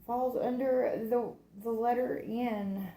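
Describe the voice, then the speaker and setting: A woman with a gravelly, creaky voice talks through a casual tarot reading, rambling and chatty. She laughs at herself as she goes. Her voice bounces around an echoey room over loud background noise. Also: fairly high pitch, steady tone, takes it slowly. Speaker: tarot reader and channel host.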